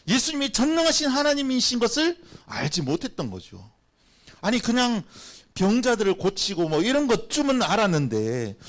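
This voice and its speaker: A man pastor giving a lively, playful children's sermon and having the children repeat after him. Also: sits high. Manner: animated, playful, acts out little scenes.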